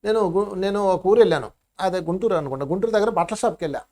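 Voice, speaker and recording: A meditation teacher in his fifties gives a spiritual talk to his listeners. He tells his stories in an animated way, dropping his voice low and then rising loud again. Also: fast talker. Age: 50s. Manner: animated storytelling with sharp swings in loudness.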